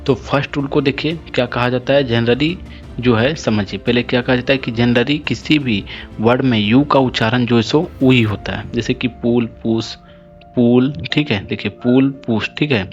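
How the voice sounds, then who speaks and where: A man teaching English pronunciation rules, explaining each rule and spelling out example words slowly, often stopping to correct his own slips. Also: mid-range voice, dull audio, soft background music. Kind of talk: spoken phonics lesson.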